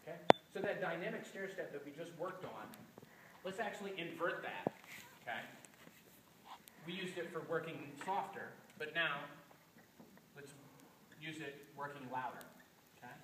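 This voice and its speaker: A man's voice: fairly high pitch, expressive, normal speed, long pauses. A man teaching a music master class, explaining and quizzing his students with energy. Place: concert hall or classroom. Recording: echoey room from a distant mic with noise.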